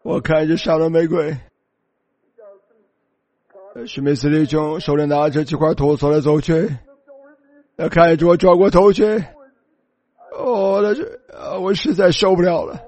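A man with a high voice delivers a sermon as a personal testimony. He speaks in an emotional, pleading manner that often turns tearful. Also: steady tone, measured pace, pauses often, a little mellow. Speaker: preacher.

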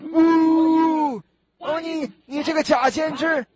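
A jeering crowd of mourners, as a preacher puts them on, shrill and scornful. The voice sits high and mocking. It is acted out inside a lively sermon retelling. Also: male voice, slow.

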